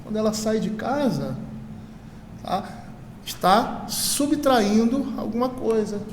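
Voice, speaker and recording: A man's voice: sits high, expressive, takes it slowly. A male pastor with a Brazilian Portuguese accent, preaching an expository sermon in a conversational teaching manner, checking in with frequent tag questions, through a church microphone. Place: church sanctuary. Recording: echoey hall with long reverb, faint hiss.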